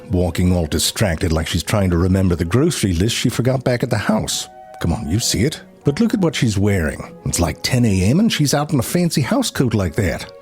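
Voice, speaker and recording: A man's voice: lowish voice, darkish tone. Man putting on a syllable-savoring old-Philly nature narrator. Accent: old-time Philadelphia. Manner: savors each syllable, crude jokes in a grand tone. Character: mock-serious male nature documentary narrator. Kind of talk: comedic nature documentary narration.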